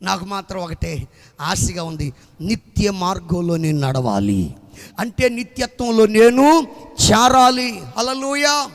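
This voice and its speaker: A male pastor preaching a revival sermon, moving from folksy storytelling to shouted, drawn-out preaching. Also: high voice, expressive, long reverb tail. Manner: storytelling, then shouting climactic preaching with long drawn-out phrases. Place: large outdoor gathering.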